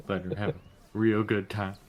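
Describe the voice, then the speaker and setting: A man's voice: fairly low pitch, unhurried. A man playing a tabletop game, joking and laughing as he chats. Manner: animated, joking, laughing a lot. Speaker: player. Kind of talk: casual chat during a tabletop game.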